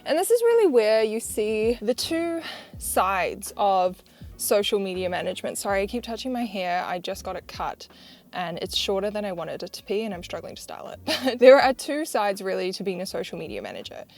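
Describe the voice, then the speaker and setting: A young woman talks straight to camera in a relaxed vlog, candid and a little self-mocking. Her mid-pitched voice has a gravelly fry at the ends of phrases, and she sounds close to a clip-on mic. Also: a little fast, faint music behind. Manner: chatty, candid, self-deprecating. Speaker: social media manager vlogger. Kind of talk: casual vlog talk to camera. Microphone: wireless clip-on mic.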